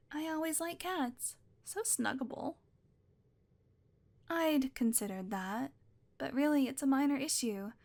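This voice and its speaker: In a scripted ASMR roleplay, a woman with a high voice plays a sweet, possessive witch who is playfully menacing. She speaks softly, dotingly and teasingly, drifting into whispers.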